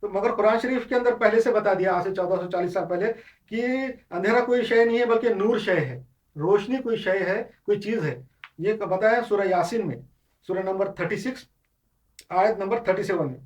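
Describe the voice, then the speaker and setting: A man's voice: high voice, normal speed, far from the mic. A man giving an unscripted Islamic lecture, explaining points step by step with many English words and frequent restarts. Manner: explanatory, mixes English terms into Hindustani; frequent restarts and filler sounds. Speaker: Islamic teacher.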